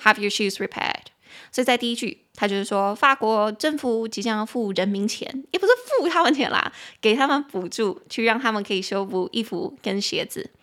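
A woman's voice: a little high, lively intonation, fairly bright tone. Woman teaching English in casual Mandarin. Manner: reads English sentences slowly and clearly, explains in Mandarin. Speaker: podcast host and English teacher.

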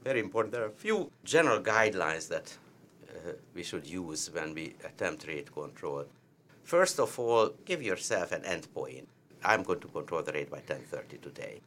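A cardiologist with a heavy Hungarian accent explains treatment in a medical teaching discussion, repeating key points emphatically. His voice is low-pitched and fairly bright, with lively intonation at a normal speed, and there's slight background noise.

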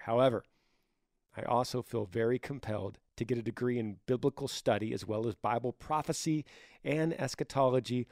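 Raspy, gravelly-voiced man, dry close sound. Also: medium pitch, darkish tone, dry recording. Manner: earnest, brotherly, careful hedging with restarts. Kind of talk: reading a listener's email and replying with informal advice.

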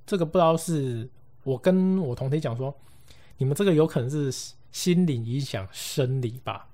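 A man's voice: a little high, normal speed, mellow. Chatty Taiwanese man telling ghost stories. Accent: Taiwanese Mandarin. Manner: chatty, playful storyteller acting out voices. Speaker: podcast host. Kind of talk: casual ghost-story telling.

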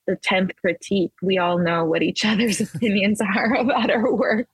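A woman in her thirties, from Texas but raised in Las Vegas, talks casually as a guest artist in an interview, rambling with many restarts and fillers. Her mid-range voice is slightly rough, with fairly even intonation and a moderate pace. There is no room sound.

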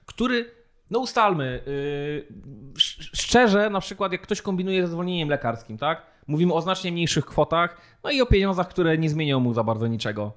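A man arguing his point on a podcast with rising indignation and plenty of emphasis. His voice sits a little higher than most men's, and his delivery is colloquial, blunt and heated. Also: expressive, moderate pace. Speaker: podcast co-host. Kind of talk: heated casual podcast discussion.

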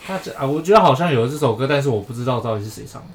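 A man with a Taiwanese Mandarin accent and a mid-pitched voice co-hosts a casual podcast. He explains things in a halting way, often restarting and repeating his words. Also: lively intonation, noisy background. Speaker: podcast co-host. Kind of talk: casual chat.

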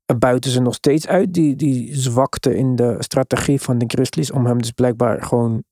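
A male sports host with a relaxed, dark-edged voice at middle pitch. He talks casually but emphatically and slips English sports terms into his speech. The sound is dry and close. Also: normal speed, no echo. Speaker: podcast host.

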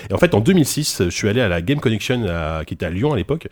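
A man's voice: on the low side, very animated, racing, a little mellow. A man hosting a video game podcast, rambling casually with many restarts. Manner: rambling, many restarts and fillers, laughs often. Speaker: podcast host.

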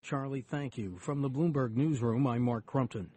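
A man's voice: medium pitch, moderate pace, mellow, husky. A man working as a radio news anchor, reading scripted headlines.

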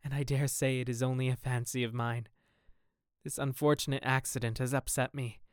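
A man playing a troubled young gentleman who speaks in a melancholy, anxious way. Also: mid-range voice, little pitch movement, brisk, clear, resonant tone, dry recording, clean studio sound, natural voice. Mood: anguished.

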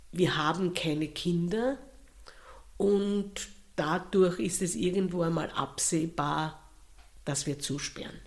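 A woman with an Austrian accent, answering interview questions in a slow, thoughtful way with pauses and restarts. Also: low-pitched, vocal fry, a little mellow. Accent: Austrian German.

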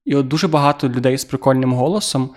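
A young Ukrainian man co-hosting a podcast, rattling along quickly in loose, joking banter. His pitch sits in the ordinary middle, and he often pokes fun at himself. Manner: fast, joking, self-deprecating. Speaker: podcast co-host. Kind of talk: casual chat.

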